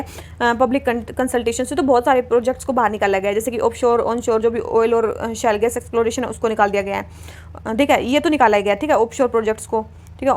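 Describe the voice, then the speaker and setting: Young woman tutor, fairly high voice, chatty, drills key points by repetition. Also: a little mellow. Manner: chatty, repeats key points, asks questions. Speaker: exam prep teacher. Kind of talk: explaining quiz answers, mixing Hindi and English.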